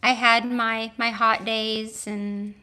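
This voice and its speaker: A woman in her forties chatting casually on a livestream as a tarot reader, thinking aloud and talking warmly to her viewers. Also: a little high, level tone, smooth. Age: 40s. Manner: chatty and musing, thinks aloud with restarts and drawn-out exclamations; addresses viewers warmly, with homely blessings.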